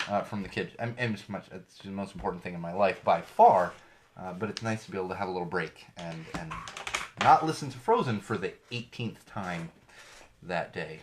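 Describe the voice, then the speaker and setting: On his casual solo show, a podcast host rants with sarcasm and profanity about tech and social media while an ear infection makes his voice sound slightly off. His voice sits low and is expressive, moving at a moderate pace, with a little hiss or hum audible.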